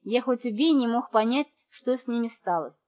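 A woman reading a novel aloud, lively, acting out each family member's voice. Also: on the high side, moderate pace. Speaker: audiobook narrator. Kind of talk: scripted narration. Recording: dull lo-fi recording.

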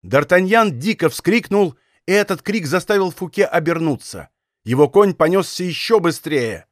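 A male narrator reads an adventure novel in a measured, dramatic way, building the tension of a chase. His voice sits a little high for a man. It is recorded close and dry in a studio, with no room sound. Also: expressive, no room sound. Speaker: audiobook narrator. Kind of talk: scripted narration.

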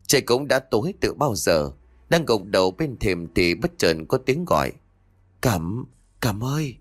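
A man narrating a scripted ghost story with expressive, varied intonation. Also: lowish voice, moderate pace.

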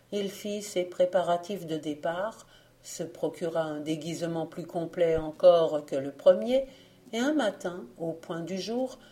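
A woman reading a fairy tale aloud for an audiobook, in slow, even storytelling narration. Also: on the low side. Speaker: audiobook reader.

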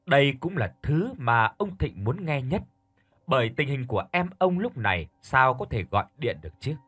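A man narrates a scripted horror story in a calm, measured way. His voice is husky with lively intonation, recorded close and dry with faint music underneath. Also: medium pitch, no room sound. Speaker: audiobook narrator.

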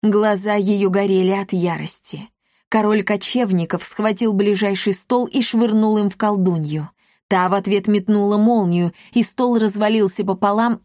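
A woman's voice: medium pitch, no room sound, studio quality. Dramatic woman audiobook narrator. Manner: lively, dramatic storytelling. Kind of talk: expressive audiobook reading.

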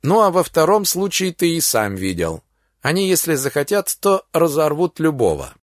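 A man's voice: fairly high pitch, moderate pace, no echo, studio quality. Man reading as a blunt werewolf warrior woman. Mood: cool, blunt. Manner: calm, blunt, menacing. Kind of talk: audiobook character reading.

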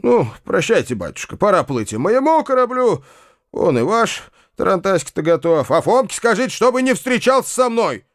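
Irascible old landowner, loud and bristling, voice pushed high by a male reader; audiobook character. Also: very animated, no room sound, clean studio sound. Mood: rueful, hearty. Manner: blustering, shouting, quick to temper.

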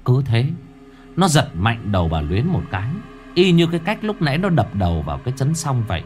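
Guy narrating a ghost story, dramatic, lively pitch, soft music behind. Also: a little fast. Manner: vivid, dramatic.

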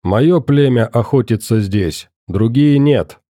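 A dark-voiced older chief speaks in short, halting, broken phrases, as a man reads him in an audiobook. The sound is dry and close, with no room around it. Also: medium pitch, lively intonation, no echo. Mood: plain.

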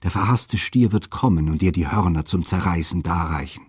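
A man reading aloud and voicing a serene goddess of love in a soothing, measured way. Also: low-pitched, darkish tone, slightly rough, dry recording, studio quality.

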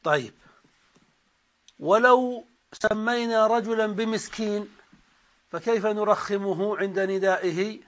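A man giving a classical Arabic grammar lecture, slowly spelling out examples and reciting verses. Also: high voice, fairly bright tone. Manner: slow, deliberate dictation of examples and verses. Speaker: grammar teacher. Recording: dull lo-fi lecture recording.

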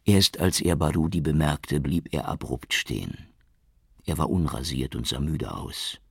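A man reading an audiobook in calm, measured narration. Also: extremely low pitch, vocal fry, husky, no room sound, clean studio sound. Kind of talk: scripted narration.

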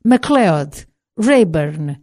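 A woman with a European Portuguese accent voicing a calm, commanding Highland man who leads a band of smugglers, in an audiobook. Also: unhurried. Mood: calm, wry. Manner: quiet, even-tempered, lightly wry. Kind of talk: audiobook character voice.

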